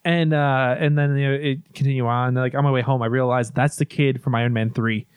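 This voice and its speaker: A man's voice: medium pitch, steady tone, fairly quick, clear, resonant tone, no room sound. A man casually recapping a movie in long, rambling stretches, restarting often and swearing now and then.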